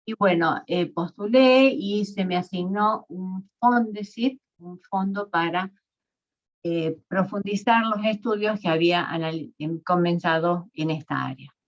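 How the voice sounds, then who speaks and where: Woman, academic lecturer, unhurried, dull video-call sound. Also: on the low side. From Argentina. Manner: measured, with fillers and self-corrections. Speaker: guest lecturer.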